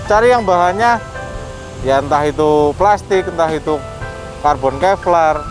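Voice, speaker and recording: A man gives casual, practical explanations in an informal way. Music plays clearly behind him. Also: a little high, unhurried, rough recording. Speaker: car audio expert giving tips. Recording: loud music under the talk.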